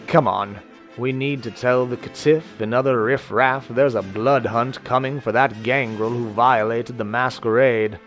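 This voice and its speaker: A man's voice: mid-range voice, steady tone, unhurried, fairly bright tone, soft background music, lightly acted. A man voicing a weary, bitter male vampire assassin in a text game, speaking in a subdued, ashen tone.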